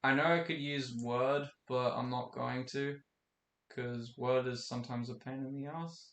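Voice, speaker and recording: A man's voice: mid-range voice, steady tone, measured pace, fairly bright tone. A man hosting a casual live stream chat, laid-back and steering the discussion. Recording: echoey room with faint noise.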